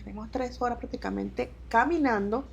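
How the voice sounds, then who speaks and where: Venezuelan woman recounting her migration, halting. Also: on the high side, creaky, slight background noise. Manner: halting, with restarts and quoted dialogue. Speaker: interview guest. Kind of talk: emotional personal testimony.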